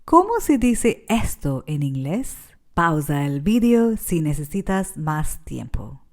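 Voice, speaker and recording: A woman's voice: sits low, big pitch swings, takes it slowly, a little mellow. A woman who is a native English speaker, teaching an English lesson in Spanish and patiently repeating words for learners to echo. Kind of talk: slow, deliberate language lesson.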